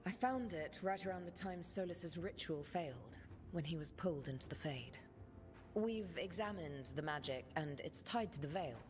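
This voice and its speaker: The Inquisitor, a seasoned woman leader, speaks earnestly in a fantasy game. Her voice is a little low, and it halts when she is moved. Game music runs underneath. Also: animated. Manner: earnest, halting when emotional.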